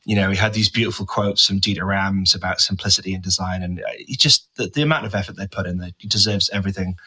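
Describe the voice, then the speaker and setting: Bright-voiced enthusiastic guest. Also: male voice, low-pitched, quick pace, slightly rough, rough recording. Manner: enthusiastic, gushing about products. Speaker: guest, brand creative officer. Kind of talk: casual interview chat.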